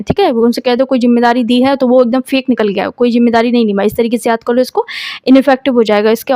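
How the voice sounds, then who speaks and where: A woman's voice: on the high side, darkish tone, no echo. A woman teacher with an Indian accent, giving an exam vocabulary lesson, spelling words out letter by letter and using memory tricks.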